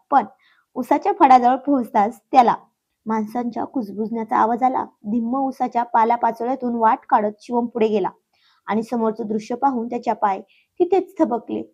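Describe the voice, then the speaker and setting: High-voiced woman narrating a story. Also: breathy edge. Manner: expressive, steady storytelling. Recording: dull lo-fi recording.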